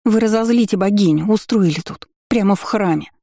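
A man's voice: high voice, quick pace, warm tone, husky, no room sound, studio quality, voice pushed up. A man doing a fiery young heroine. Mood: alarmed. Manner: raised, pleading outcries.

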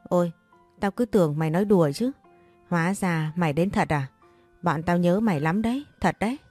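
A woman's voice: lowish voice, brisk, dark tone, soft background music, close to an everyday voice. A woman reading a blunt, bossy young best friend. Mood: excited. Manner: blunt, scolding.

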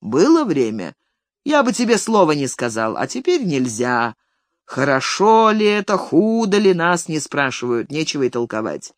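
A reader voicing a stern, impatient male estate manager who scolds curtly in a lowered voice. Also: sing-song, normal speed, no echo, studio quality, lightly acted. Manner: curt, severe scolding. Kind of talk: audiobook character reading.

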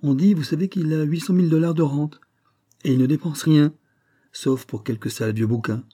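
A man's voice: on the high side, brisk, mellow, pitched above the performer's own voice, close to an everyday voice. A man voicing a gossipy society hostess. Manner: gossipy, confiding, emphatic. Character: chatty wealthy society hostess, woman, middle-aged. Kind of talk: audiobook character reading.

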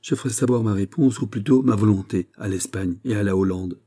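Man doing a furious young king, imperious, low dark voice with a husky edge. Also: a little fast. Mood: commanding. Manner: commanding, raises voice in anger.

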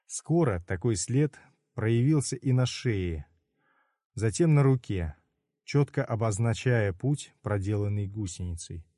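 Man narrating in a mellow, dark voice. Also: on the low side, lively intonation, a little slow, no room sound, studio quality. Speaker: audiobook narrator. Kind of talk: scripted narration.

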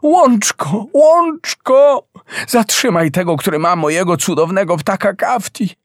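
Man doing a high shouting enchantress woman, desperate and furious, storybook, leaping pitch, dry close sound. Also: animated, measured pace, no room sound. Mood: desperate, commanding. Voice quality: raised high shouting calls.

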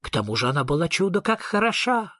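A kindly, absent-minded storybook father troll, mumbling mild explanations, read by a man. His voice is husky and close, with a dry sound. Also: high voice, sing-song, fast talker, sharp tone, dry recording, full character voice.

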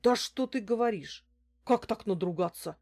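A woman reading an audiobook, voicing an excitable, pushy male street hustler who shouts and haggles. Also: medium pitch, measured pace, natural voice. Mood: haggling.

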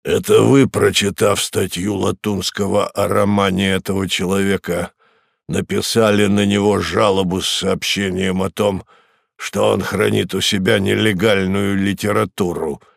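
A menacing demon henchman with a nasal voice, as a man puts him on in an audiobook. He drawls slowly and low, with a falsely intimate tone. The sound is dry and close. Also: flat delivery, vocal fry, no echo.

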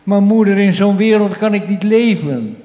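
A man's voice: high voice, normal speed, dark tone, voice pushed up, lightly acted. A man voicing an unborn child's soul, pleading with its mother in a plaintive, rising voice. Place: church. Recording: reverberant church hall.

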